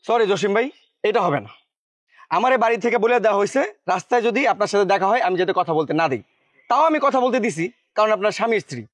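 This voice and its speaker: A jittery rapid-talking young tutor. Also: male voice, sits high, lively intonation, no echo. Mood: defensive. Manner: pleading, quick excuses.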